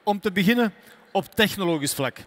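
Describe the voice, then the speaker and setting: A man's voice: high voice, expressive. A man, a company executive giving a prepared, formal press statement. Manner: formal, measured delivery. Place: expo hall.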